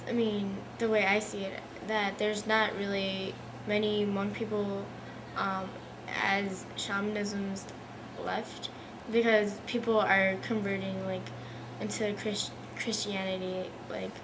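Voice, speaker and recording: A woman's voice: mid-range voice, flat delivery, takes it slowly. A teenage girl speaking earnestly with many fillers in a documentary interview. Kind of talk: personal testimony in a documentary interview. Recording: noisy ambient background.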